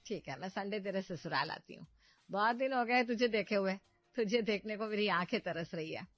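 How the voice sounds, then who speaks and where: A woman's voice: medium pitch, moderate pace, no room sound, highs cut off, faint music behind, lightly acted. Woman voicing a bossy scheming mother. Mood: sweetly scheming. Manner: loud, domineering, scolding.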